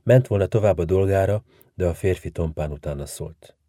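A man with a very deep, dark voice reads a literary story aloud in a measured, dramatic way. The recording is dry and close, with no room sound at all. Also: no echo. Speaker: narrator. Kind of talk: literary audiobook narration.

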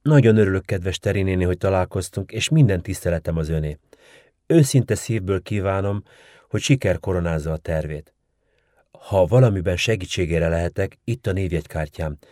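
A man's voice: sits low, expressive, darkish tone, no echo, clean studio sound. A man voicing a polite, clever young woman who speaks in courteous, formal phrases.

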